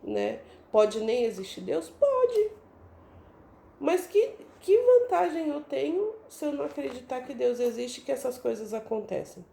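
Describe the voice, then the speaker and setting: A woman telling a casual, animated personal story as a mother, often adding "né?". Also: high voice, unhurried, creaky, echoey room. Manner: animated, chatty, often adds "né?".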